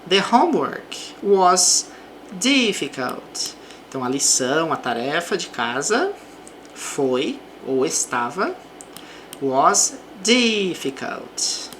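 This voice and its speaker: Brazilian woman language teacher, unhurried and patient delivery, lively pitch. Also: a little hiss or hum. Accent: Brazilian Portuguese. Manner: reads English example sentences slowly, then explains in Portuguese. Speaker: English teacher. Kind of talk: slow explanatory language lesson.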